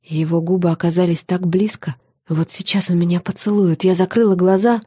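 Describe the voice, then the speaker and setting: A woman reading a first-person audiobook on a close studio mic, intimate and expressive, often softening to a hush. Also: lowish voice, a little fast, slightly rough, no room sound. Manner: intimate and expressive, dropping to a soft hush in tender moments. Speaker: audiobook narrator.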